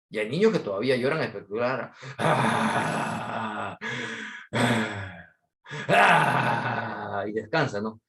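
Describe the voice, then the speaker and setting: A man teaching a class, his pitch swinging up and down as he tells stories. He throws rhetorical questions at the listeners. His voice sits in a middle register. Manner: animated storyteller, rhetorical questions. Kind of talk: classroom lecture with anecdotes.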